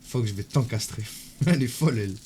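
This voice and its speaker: A man's voice: medium pitch, fast talker, dark tone, a little hiss or hum. A man streaming live, casually bantering and teasing his chat and friends.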